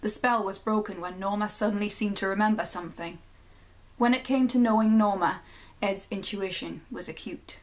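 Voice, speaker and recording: Speaking straight to her viewers, a young Geordie vlogger from North East England is loose and chatty, full of ums and likes, and laughs at her own slips. She then settles into reading a short story aloud, at a middle pitch and normal speed.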